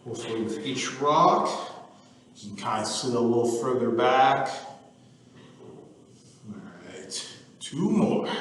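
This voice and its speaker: A man leading a guided movement workout, calmly counting reps and cueing stretches with the odd joking aside. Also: medium pitch, a little hiss or hum. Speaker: fitness instructor. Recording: echoey room from far off with faint ambience.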